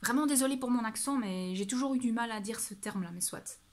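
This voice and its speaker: A woman's voice: on the high side, quick pace. A woman giving a casual monthly reading update as a book vlogger. She gushes about what she read and talks off the cuff, often restarting and correcting herself. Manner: gushing and exclamatory about books.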